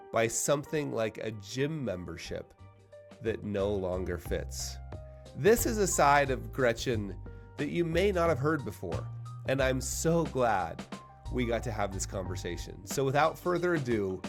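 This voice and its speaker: Man hosting a podcast, thoughtful tone. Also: medium pitch. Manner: thoughtful, with frequent restarts. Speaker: podcast host. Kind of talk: conversational interview.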